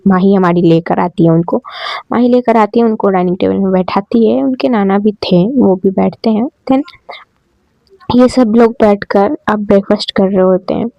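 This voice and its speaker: A woman's voice: mid-range voice, moderate pace, no room sound, muffled recording. A woman casually narrating a romance audio story, chatty and speaking to her listeners. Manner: chatty, addresses listeners directly.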